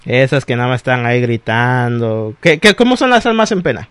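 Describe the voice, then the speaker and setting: A man, co-hosting a casual chat, animated and laughing often. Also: mid-range voice, fairly quick, clear, resonant tone, no echo. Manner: animated, laughs often, acts out quoted voices. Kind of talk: casual chat about exes.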